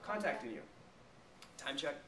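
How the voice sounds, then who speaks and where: His voice is a little high, sing-song, bright and forceful, moving at normal speed. This man in his thirties gives a small group an emphatic sales training talk, frequently breaking for rhetorical check questions. A camera mic a few metres away in a small meeting room with a flip chart records echo and faint noise.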